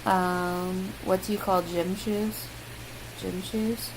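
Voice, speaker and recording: Speaking slowly at medium pitch, a young woman with a Midwestern accent goes casually through a word list. The vlogger peppers it with ums and self-mocking remarks while a loud steady hiss fills the background.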